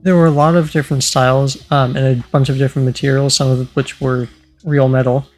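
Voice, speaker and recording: A young man co-hosting a casual podcast chat, measured and matter-of-fact, pausing often with ums. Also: medium pitch, flat delivery, darkish tone, faint music behind, low-quality recording. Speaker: podcast co-host.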